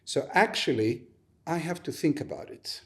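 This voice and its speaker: A man's voice: a little high, expressive, moderate pace, a bit bright. A man who co-founded a startup, a guest on a podcast, laying out his business model step by step with everyday examples. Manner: methodical, builds points with everyday examples. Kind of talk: explaining a business model in an interview.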